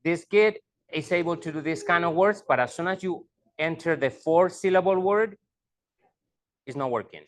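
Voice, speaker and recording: A man's voice: a little high, unhurried. A middle-aged man, a school leader, explaining things to parents and repeating his points in two languages. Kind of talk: bilingual presentation to parents.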